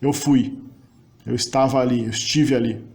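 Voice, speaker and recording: A man teaching a linguistics lesson. He talks in a conversational way, adds tag questions, and recites verb forms slowly. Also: mid-range voice, fairly even intonation, a little mellow. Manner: pauses to reformulate mid-sentence. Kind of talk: explanatory lecture.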